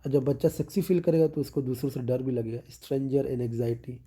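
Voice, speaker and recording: Speaking in a mellow, mid-range voice, a man coaches students for a medical exam. He teaches milestones through mnemonics, checks in once each point is made, and emphasizes key terms by slowing down and lowering his voice.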